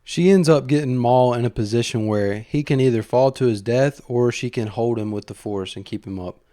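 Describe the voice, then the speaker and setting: A man hosts a casual commentary podcast, retelling a story with easygoing enthusiasm. His voice is mellow and warm, recorded dry and close with no room sound. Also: medium pitch, moderate pace, no room sound. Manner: enthusiastic, conversational storytelling with fillers. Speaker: host.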